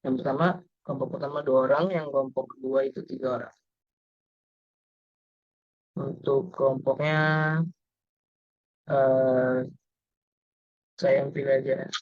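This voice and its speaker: Play a young company rep running a mock assessment over video call, halting, filling pauses; keep the sound muffled and dry. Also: male voice, medium pitch, little pitch movement, no echo. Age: young adult. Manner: halting, many filler sounds. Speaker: assessor playing a company representative. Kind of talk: role-played group discussion assessment.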